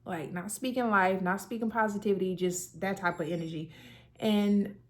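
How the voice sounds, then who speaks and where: A woman's voice: medium pitch, steady tone, normal speed. A woman in her thirties sharing her own story in casual talk, earnest and conversational with many fillers. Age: 30s. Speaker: person sharing a health story. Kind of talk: casual personal testimony.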